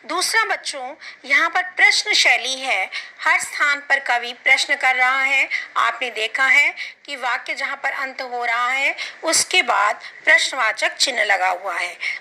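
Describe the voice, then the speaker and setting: A woman's voice: high-pitched, sharp tone, rough recording. A woman teacher patiently explaining a poem line by line to her pupils. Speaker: Hindi teacher.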